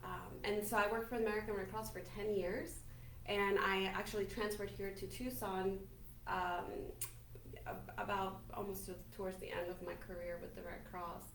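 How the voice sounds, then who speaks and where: A woman's voice: mid-range voice, flat delivery, normal speed, gravelly. Upbeat Spanish-native woman, roomy distant sound. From Colombia. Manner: chatty, upbeat, self-assured storyteller. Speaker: podcast guest, business owner. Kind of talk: casual interview talk. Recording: roomy, from off-mic, faint hiss.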